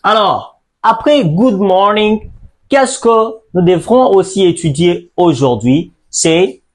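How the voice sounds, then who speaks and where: Slow, high-voiced male language teacher. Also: expressive. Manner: slow, drawn-out repetition drills with emphatic stress. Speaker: English teacher. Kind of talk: classroom-style language lesson.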